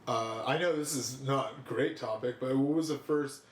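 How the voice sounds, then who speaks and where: A man's voice: medium pitch, normal speed, echoey room, a little hiss or hum. A young man co-hosting a podcast in casual chat, rambling and swearing a lot, laughing often. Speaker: podcast co-host.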